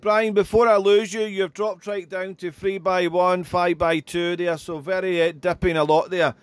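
High-voiced radio ham. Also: male voice, little pitch movement, normal speed, dry recording. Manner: chatty, repeats "there" and phrases. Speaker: amateur radio operator. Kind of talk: radio contact chat with spelling alphabet.

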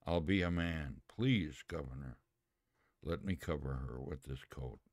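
A man voicing a hardened male prisoner, a gruff father who snaps and then pleads, in a dry, close recording. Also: extremely low pitch, a little slow, no echo. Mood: pleading.

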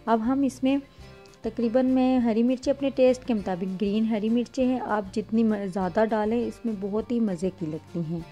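A woman's voice: a little high, fairly even intonation, moderate pace, mellow, soft background music. A woman hosting her cooking channel, explaining a simple recipe step by step. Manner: plain step-by-step instruction with restarts. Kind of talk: voice-over cooking tutorial.

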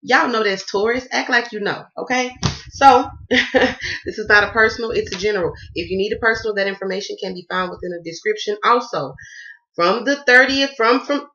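A woman's voice: medium pitch, fairly quick, bright, forceful tone, highs cut off. A woman from the Southern United States with a Southern accent, giving a casual tarot reading to her viewers, emphatic and repetitive, calling them y'all. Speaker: tarot card reader.

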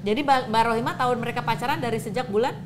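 Woman, talk show host, rapid questions, noisy room. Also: a little high. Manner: prompting with short questions. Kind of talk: interviewing a guest.

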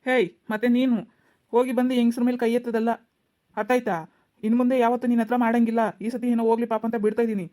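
A woman's voice: a little high, flat delivery, very fast, warm tone, natural voice. A woman voicing a stern male police officer who scolds and threatens people in a cartoon. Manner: scolding, bossy.

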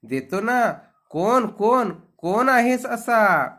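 A man's voice: little pitch movement, clean tone. A man voicing a young princess girl, pleading and anxious, in a raised voice. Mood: excited. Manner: pleading, high and rushed.

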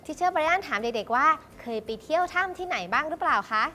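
A woman hosting a children's lesson, explaining gently and politely to young learners. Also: sits high, animated, fast, soft background music. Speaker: host teacher.

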